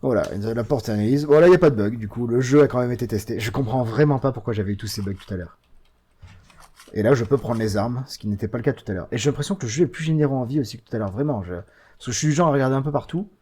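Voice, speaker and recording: Brief man, let's play host, casual gameplay commentary, joking and teasing, lots of "euh", mid-pitched voice, jumps up in pitch and volume when excited. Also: racing, slightly rough. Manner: chatty, mocking, frequent hesitations; lively swings in pitch and loudness.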